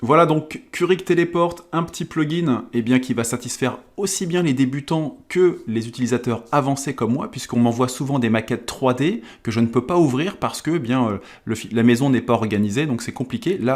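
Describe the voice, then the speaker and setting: Guy walking through a software tutorial, chatty, lots of little hop and voilà bits. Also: medium pitch, lively intonation, fairly quick, few pauses. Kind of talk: screen-recorded software tutorial.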